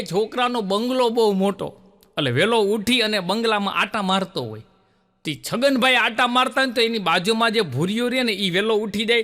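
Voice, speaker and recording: A man's voice: high voice, sharp tone. A man telling jokes as a stand-up comedian, chatty and laughing at his own punchlines.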